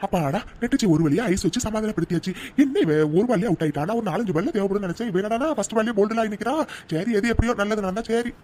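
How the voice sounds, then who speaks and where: A performer voicing a sly, easygoing village husband in a cartoon who flatters and coaxes. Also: medium pitch, rapid-fire, lightly acted. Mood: coaxing. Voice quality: coaxing, flattering. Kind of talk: cartoon voice acting.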